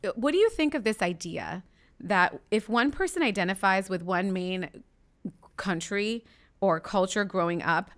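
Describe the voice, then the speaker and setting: A woman's voice: medium pitch, animated, moderate pace, fairly bright tone. A woman hosting a podcast interview, telling personal stories in a thoughtful, conversational way with frequent fillers. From United States. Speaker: podcast host.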